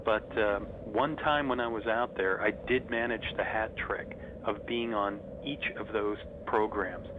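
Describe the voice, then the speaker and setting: A man's voice: lowish voice, steady tone, unhurried, few pauses. A middle-aged man telling stories casually as an interview guest, with a fan's enthusiasm. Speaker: interview guest, horror host. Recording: noisy, thin phone-like line.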